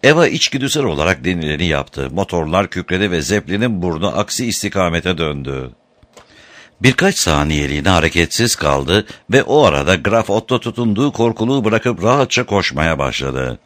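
A man narrating an audiobook dramatically, lifting his voice for shouted lines. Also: deep voice, big pitch swings, a little fast, no room sound. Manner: dramatic, raises voice for shouted quotes.

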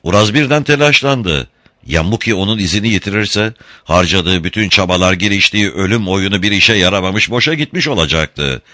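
A man narrating a novel in an expressive storytelling manner. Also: low-pitched, brisk, no echo, studio quality. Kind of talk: audiobook narration.

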